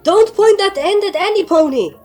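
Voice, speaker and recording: A woman voicing an excitable, gun-loving female pony soldier in a fan story reading, high and whiny when excited. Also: unhurried, soft background music, natural voice. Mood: shrieking.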